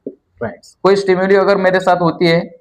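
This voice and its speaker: A man with a high voice teaches a room full of students. He talks in a chatty, familiar way and keeps quizzing the class so they finish his points. The classroom is bare and echoey. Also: little pitch movement, a little fast, a little hiss or hum. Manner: chatty, calls listeners "yaar". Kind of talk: classroom lecture.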